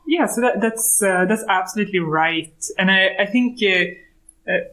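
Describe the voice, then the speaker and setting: A woman's voice: mid-range voice, moderate pace, fairly bright tone, low-quality recording. A middle-aged woman from Sweden, a researcher being interviewed, answering thoughtfully with many fillers and restarts. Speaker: astronomy researcher, guest. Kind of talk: conversational interview.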